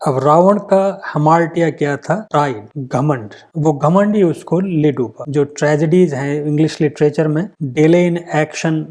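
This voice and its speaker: A man's voice: fairly high pitch, a little slow, few pauses, darkish tone. A man teaching English literature for exam prep, explaining step by step and mixing Hindi and English.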